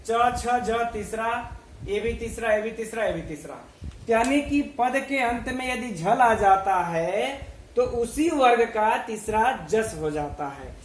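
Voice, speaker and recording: A man giving a grammar lesson, reciting letters one by one and answering his own questions in a slow, methodical way. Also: high voice, slight background noise. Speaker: Sanskrit grammar teacher. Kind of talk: online video lesson. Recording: echoey room.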